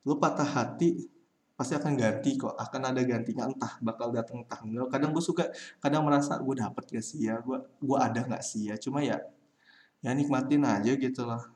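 A man's voice: medium pitch, fairly quick, a little mellow. A young man talking through a casual solo podcast, giving rambling, slangy advice full of fillers. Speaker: podcast host. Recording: roomy echo.

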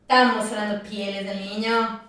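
A young woman with a Mexican Spanish accent, telling a story in casual chat and acting out shouts and quoted lines. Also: medium pitch, moderate pace. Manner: animated, acts out shouts and quotes with laughter. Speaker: podcast co-host. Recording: echoey room, mic at a distance.

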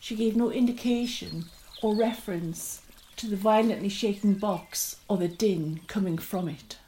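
A woman narrating a story in a measured, expressive reading style. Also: mid-range voice, a little hiss or hum. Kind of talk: scripted storytelling.

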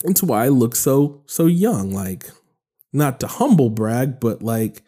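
A man's voice: mid-range voice, lively intonation, slow pace, mellow. Rambling, joking man in his thirties. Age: 30s. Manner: rambling, joking, lots of fillers. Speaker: podcast host. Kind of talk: casual solo podcast monologue.

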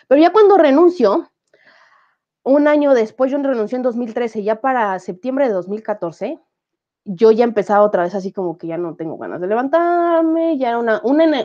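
Animated Mexican woman telling her story. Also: on the high side, lo-fi sound. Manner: animated, acts out quoted dialogue. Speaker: guest. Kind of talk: casual conversational storytelling.

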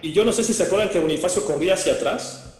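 A man with a Mexican accent telling a lively, jokey anecdote from an earlier episode. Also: high voice, racing. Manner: animated, jokey storyteller. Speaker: former footballer, archived guest. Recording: clip replayed, roomy echo.

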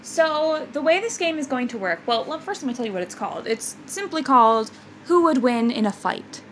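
High-voiced playful woman podcast host. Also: lively intonation, background noise. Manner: teasing, playful, quick banter. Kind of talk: casual chat.

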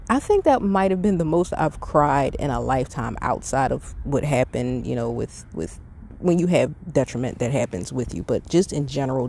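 Her voice is fairly low and mellow, with a bit of background noise behind it. As a middle-aged podcast host, she speaks in a relaxed, reflective monologue, earnest and emphatic in a conversational way.

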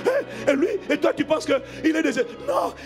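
A man preaching a passionate sermon as pastor, moving from shouted declarations to soft, hushed prayer and bursts of speaking in tongues. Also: extremely high pitch, expressive, moderate pace. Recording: faint music behind.

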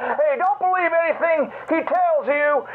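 Super high squeaky alien brat leaving a phone voicemail, slow and giggly, muffled line. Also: male voice, heavy background noise. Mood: gleeful taunting. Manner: taunting, giggly, breathless. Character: cackling male space alien prankster on the run. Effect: heard over a phone voicemail.

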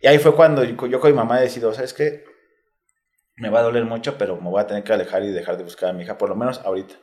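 Rapid-fire yet steady in tone, with a mid-range, slightly mellow voice, a former footballer speaks in Mexico City Spanish. He's a guest in a casual interview, recounting a personal story frankly and in slang, step by step.

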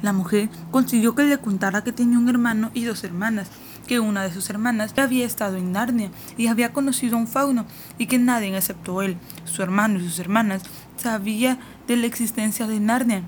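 A woman narrating a children's fantasy audiobook in a steady, measured reading voice. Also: on the high side, a little hiss or hum. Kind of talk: scripted storybook narration.

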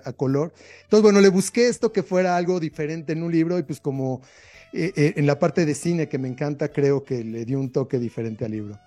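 During an interview conversation, a guest author with a Mexican accent tells stories in an earnest, reflective way. His voice is mellow and on the high side.

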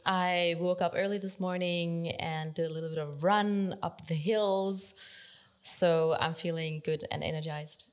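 A woman in her forties from Denmark, a podcast guest talking through her story thoughtfully, pausing often with fillers. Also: fairly low pitch, steady tone, clear, resonant tone. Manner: thoughtful, hesitant with many pauses and fillers. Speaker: podcast guest, nonprofit library director. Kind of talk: reflective interview conversation.

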